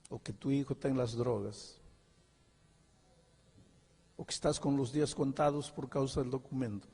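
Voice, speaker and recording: A middle-aged male pastor preaching a sermon, telling a story and moving from hushed, intimate passages to impassioned ones. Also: medium pitch, creaky, breathy edge. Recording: long hall reverb.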